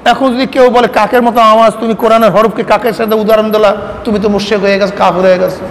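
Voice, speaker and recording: A man with a very high voice preaches a sermon, arguing hard and throwing questions at his listeners. His words ring through a large hall with a long echo. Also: flat delivery, quick pace. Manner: argumentative, asks the audience questions and mocks critics. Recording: faint noise, long hall reverb.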